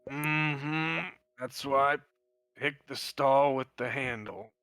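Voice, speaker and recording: A man voicing a grumpy stranger straining in a bar bathroom stall, gruff and terse. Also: medium pitch, fairly even intonation, slow pace, fairly bright tone, dry recording. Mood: irritated. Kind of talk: tabletop role-play voice.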